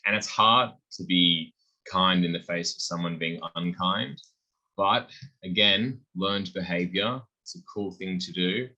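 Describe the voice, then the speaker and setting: A man's voice: sits low, rough recording. A young adult man, a guest on a podcast, talking casually and acting out bits of dialogue with animation. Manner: animated, acts out quoted dialogue. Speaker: podcast guest, beverage company founder. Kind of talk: casual conversational interview.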